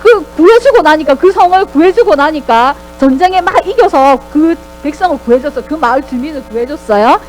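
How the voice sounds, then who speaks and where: A woman with a high voice leads a children's sermon as a Sunday school teacher. She keeps asking the kids questions as she goes, and faint music plays in the background. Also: animated, fairly quick, few pauses, a little mellow, rough recording.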